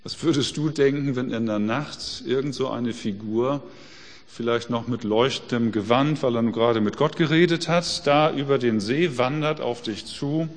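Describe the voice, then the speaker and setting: A man's voice: mid-range voice, normal speed, in a large hall. A man preaching a sermon in a conversational way, full of rhetorical questions.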